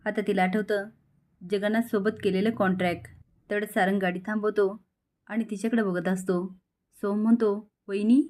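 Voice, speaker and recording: A woman narrates a scripted recap of a serial in a steady, plain storytelling voice. Her pitch sits in an ordinary middle range. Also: normal speed.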